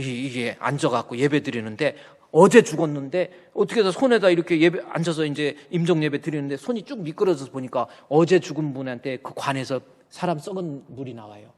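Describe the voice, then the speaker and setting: A male pastor in his fifties giving a folksy, animated sermon, acting out stories from family life. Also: on the high side. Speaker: senior pastor. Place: church sanctuary. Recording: church hall reverb.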